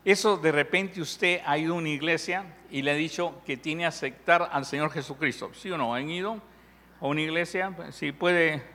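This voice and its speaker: Peruvian guy preaching, chatty, quizzes the crowd, kinda high bright voice. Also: normal speed. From Peru. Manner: conversational, jokes with the audience, asks questions. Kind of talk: sermon with audience questions. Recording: long hall reverb.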